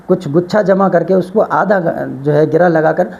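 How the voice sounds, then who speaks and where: A man's voice: high voice, gravelly, a little mellow, muffled recording. A man, a spiritual healer, earnestly retelling a story about his healing work in a religious talk. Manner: earnest, swearing by God, retelling a dialogue.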